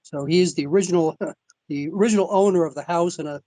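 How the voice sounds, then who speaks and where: A man presenting as an architect to a zoning board over a remote call connection that breaks up, speaking haltingly with many fillers. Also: fairly high pitch, mellow, no room sound. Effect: remote call audio, breaking up.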